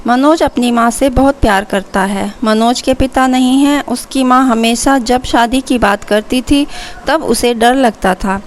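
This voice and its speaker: Slow, fairly high-voiced female narrator. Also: slight background noise. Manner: even, storybook reading. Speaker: story narrator. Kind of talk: scripted story narration.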